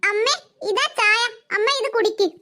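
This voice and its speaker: A woman's voice: very high-pitched, normal speed. Woman doing a sweet dutiful cartoon girl. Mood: gentle. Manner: soft, polite, sweet. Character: gentle dutiful young woman. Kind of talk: cartoon voice acting.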